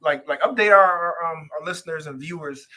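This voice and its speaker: A male talk show host asking the guest to introduce herself, halting and repeating words. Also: on the high side, pushed and bright.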